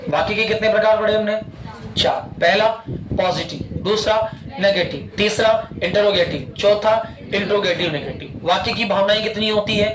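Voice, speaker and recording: Male English teacher, high voice, drills students with questions; noisy classroom. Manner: quizzing students with repeated questions, drawn-out English phrases. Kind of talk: classroom language lesson. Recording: echoey room with loud background noise.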